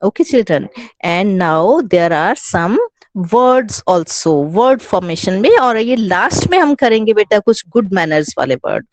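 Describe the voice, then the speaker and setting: A woman's voice: mid-range voice, big pitch swings, no room sound. A woman with an Indian accent teaching an online English lesson to children, patiently mixing Hindi and English and spelling out words letter by letter. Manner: slow, patient, addresses children as beta. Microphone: online class microphone.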